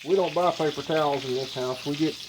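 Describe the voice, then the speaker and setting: A plainspoken, folksy home cook with an Arkansas Southern accent chats casually, fairly quickly, in a mid-range voice while cooking in a home kitchen for a cooking vlog. The clear recording picks up frying sizzle, stirring and other kitchen noise.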